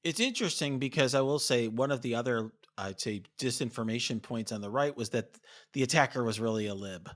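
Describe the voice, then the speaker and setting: A man's voice: medium pitch, brisk, fairly bright tone. Male co-host, conversational, slightly breathless, rambling with frequent restarts. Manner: chatty, lots of fillers and restarts. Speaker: podcast co-host. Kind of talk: casual conversation.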